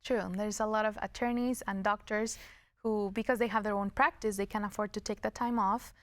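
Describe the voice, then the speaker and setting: A woman's voice: medium pitch, fairly even intonation, brisk, no echo. A woman giving earnest, explanatory interview answers as a political candidate.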